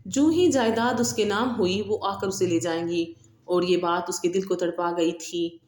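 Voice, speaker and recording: A woman narrating a romance novel as an audiobook, with steady, dramatic storytelling. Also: on the low side. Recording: echoey room.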